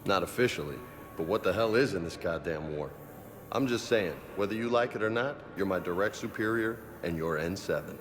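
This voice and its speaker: With a deep, brisk voice close to everyday speech, an actor portrays a cocky young marine in a video game cutscene. The mood is easygoing; he jokes casually, laughs readily, and stays loyal.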